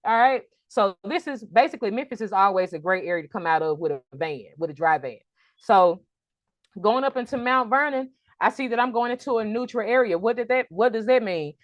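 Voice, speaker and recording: A woman giving an online trucking business workshop, lively and preacher-like, calling out to her audience for an amen. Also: a little high, brisk, dry recording. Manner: energetic, preacher-like call and response.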